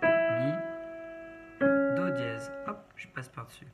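A man with a medium-pitched, expressive voice speaks slowly, teaching piano step by step in short instructional phrases and naming the notes one at a time. A keyboard piano is being played over his voice throughout.

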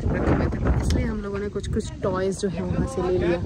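A woman's voice: mid-range voice, fairly even intonation, a little fast. A woman in her thirties chatting casually to the viewer in a travel vlog, recorded outdoors on a phone at arm's length. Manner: chatty, explaining plans to the viewer. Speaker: vlogger. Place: outdoors in a windy town and lakeside. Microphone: phone camera held at arm's length. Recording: outdoor noise behind the voice.

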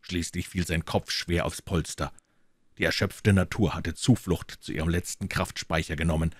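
A man reading a detective story aloud in a measured storytelling manner. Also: low voice, steady tone, no room sound, studio quality. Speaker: audiobook narrator. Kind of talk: dramatic audiobook reading.

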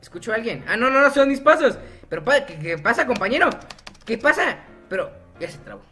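Bright-voiced young man commenting on gameplay. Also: extremely high pitch, big pitch swings, brisk, soft background music. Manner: chatty, self-mocking, laughs often, sings goofy bits. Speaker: gaming YouTuber.

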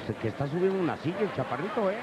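A man's voice: high-pitched, very animated, rapid-fire. A man with a Mexican accent giving jokey, colloquial live wrestling commentary. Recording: noisy arena broadcast. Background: loud arena noise.

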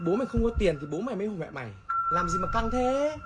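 A man's voice: sits high, lively intonation, fast talker. A man, playing a cheeky, wheedling henpecked husband in a comedy sketch. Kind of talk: scripted comedy sketch dialogue. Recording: music playing underneath.

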